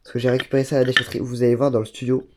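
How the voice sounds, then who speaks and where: Talking very fast in a level, medium-pitched voice, this cold-stricken man from Bordeaux, France, tours his small home studio in a chatty vlog full of asides and fillers. Heavy background noise runs under the recording.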